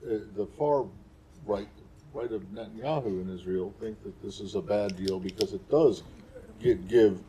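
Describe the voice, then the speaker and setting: A man with a low, dark voice challenges the podium from the press seats. He presses insistently with follow-up questions. A faint room noise hangs behind him. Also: normal speed, rough recording. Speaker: reporter. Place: briefing room.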